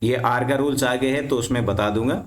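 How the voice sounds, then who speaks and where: A man's voice: mid-range voice, brisk. A man teaching a class, putting a question to his students and then answering it himself. His voice sits in a middle register. The room around him is echoey. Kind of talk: explaining English reading rules to students.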